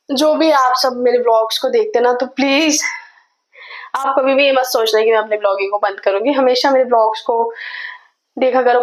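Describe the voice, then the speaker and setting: A woman vlogger chatting to camera while cooking in her home kitchen, talking slowly and softly and mixing English words into her talk. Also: a little high, highs cut off. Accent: Jammu. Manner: chatty, devotional asides, mixes English words into Hindi; tries to speak slowly and softly.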